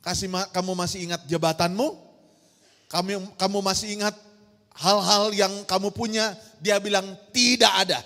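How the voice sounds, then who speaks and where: A woman's voice: medium pitch, fairly even intonation, normal speed, a bit bright. A woman pastor preaching an emphatic sermon, firing rhetorical questions at her congregation in a large church hall. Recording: long church-hall reverb.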